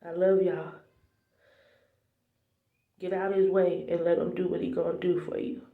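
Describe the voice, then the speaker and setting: In a small, echoey bathroom, a faith vlogger talks straight to viewers about a dream and a spiritual message, heartfelt and tearful, sometimes dropping to a whisper. The voice is medium-pitched, flat and measured, with creak and narrow, tinny audio.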